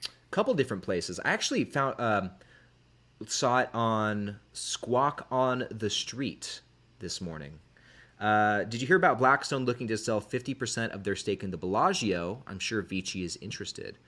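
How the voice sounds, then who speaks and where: A man's voice: on the low side, animated, normal speed, fairly bright tone. A man hosting a podcast in casual chat, easygoing and thinking aloud as he gives his opinions. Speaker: podcast host.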